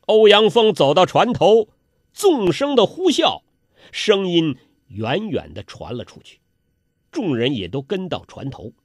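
Slow, dramatic male storyteller. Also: high voice, sing-song, husky, no room sound, clean studio sound. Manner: dramatic, swings between loud exclamations and hushed asides. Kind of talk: traditional Chinese storytelling.

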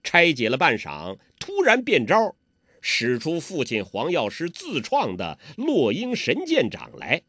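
Lively male storyteller. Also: fairly high pitch, measured pace, breathy edge, dry recording, studio quality. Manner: lively, vivid, dramatic emphasis. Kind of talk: martial-arts novel storytelling.

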